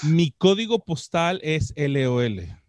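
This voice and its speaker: A man hosting a podcast interview, joking and teasing his guest with quick banter. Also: on the high side, big pitch swings, no echo. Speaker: podcast host. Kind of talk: casual interview chat.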